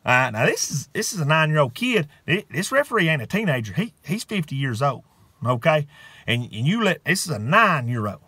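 A man hosting his show, telling a comic story in a folksy, drawn-out way with frequent asides. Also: a little high, very animated, sharp tone, slightly rough, no room sound. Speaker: host. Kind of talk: comedic storytelling monologue.

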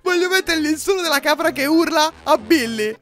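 A man giving playful, hyper gaming commentary, with sudden shouts and sing-song bits. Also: very high voice, expressive, brisk, faint music behind. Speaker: Minecraft YouTuber.

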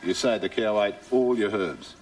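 An actor playing a hapless, easygoing drover with an Australian accent and a laconic, drawling way of talking. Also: male voice, fairly low pitch, moderate pace, close to an everyday voice. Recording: distant TV mic with faint noise.

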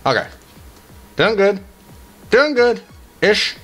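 A man in his thirties giving casual, halting commentary as host of a gaming challenge video, with exclamations and muttered asides. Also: high-pitched, sing-song, fairly bright tone. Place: small room indoors. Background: music.

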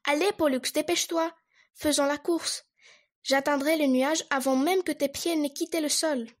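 A woman voicing a boastful little boy beaver who gloats loudly. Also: sits high, fairly even intonation, normal speed, pitched above the performer's own voice, close to an everyday voice. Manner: gloating, loud and bouncy.

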